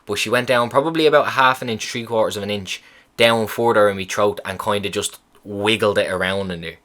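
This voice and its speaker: A man's voice: lowish voice, fairly quick. A young man casually telling a story on his podcast, swearing freely and acting out what people said. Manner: profane, animated retelling of a hospital visit. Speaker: podcast host.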